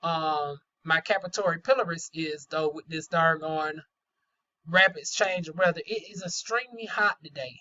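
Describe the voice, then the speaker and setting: A Southern American woman chats casually through a product review in a bright, forward voice. She has trouble pronouncing her R sounds and talks in a candid, folksy way peppered with slang. The recording is slightly dull and lo-fi. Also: lowish voice, moderate pace. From North Carolina, US South. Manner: folksy, candid, chatty with playful euphemisms and slang. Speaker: beauty vlogger, aesthetician.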